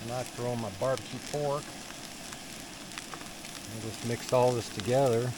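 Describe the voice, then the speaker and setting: A man's voice: mid-range voice, fairly even intonation, measured pace. A man talking in a laid-back, plain-spoken way as he narrates a casual cooking and camping vlog. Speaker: camping vlogger. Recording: clear sizzling and ambient noise. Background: food frying and stirring.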